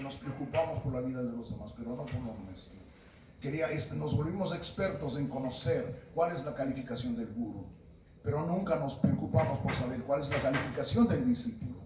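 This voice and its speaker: Peruvian man giving a spiritual talk, roomy echo. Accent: Peruvian Spanish. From Peru. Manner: storytelling, quoting his teachers, animated rises in pitch. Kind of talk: sermon. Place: talk in a room in Lima. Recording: roomy, distant mic, noisy background.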